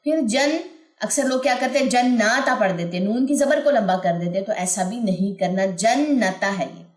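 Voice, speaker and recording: A woman's voice: mid-range voice, expressive, darkish tone. Woman tajweed teacher, stretches out sounds to show them, echoey room. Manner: explains rules, then drags out syllables slowly to model them. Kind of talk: recorded online lesson. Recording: roomy echo.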